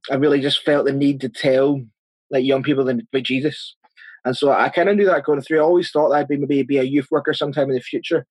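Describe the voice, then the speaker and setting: This Northern Irish man in his thirties is a church planter being interviewed, and he comes across as earnest and talkative, frequently starting over mid-thought. He speaks quickly at medium pitch with fairly even intonation, and there's no echo.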